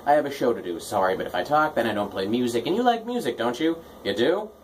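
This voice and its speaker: Man, radio DJ, very animated pitch, casual comic banter, tongue-in-cheek, slight noise behind. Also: quick pace. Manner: playful, tongue-in-cheek, self-deprecating. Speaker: radio host, DJ.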